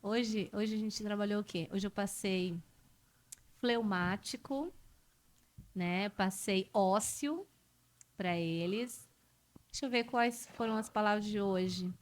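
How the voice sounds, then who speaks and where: A woman from Brazil talks as a podcast guest, lively and expressive with tag questions thrown in. She is a teacher, and her voice sits at a middle pitch for a woman. She speaks in a relaxed, conversational way. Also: takes it slowly, long pauses. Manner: animated, laughs often, frequent tag questions.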